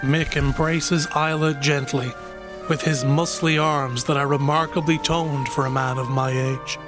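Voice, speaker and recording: An actor playing a vain, mock-serious narrator of a steamy comedy romance, melodramatic and pompous. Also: male voice, on the high side, little pitch movement, a little slow, over music, natural voice. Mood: self-satisfied.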